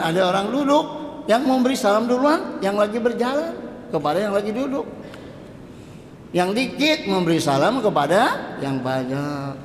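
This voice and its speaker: Lively high-voiced man preaching in an echoey hall. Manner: lively, conversational, drawn-out quoted greetings. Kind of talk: mosque dawn study lecture. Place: mosque hall. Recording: echoey mosque hall with faint rumble.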